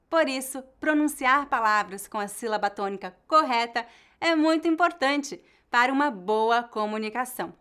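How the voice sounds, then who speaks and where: Woman, Brazilian Portuguese accent, scripted lesson, bright clear tone, unhurried. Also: sits high. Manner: slow, careful enunciation of example words. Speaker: Portuguese teacher.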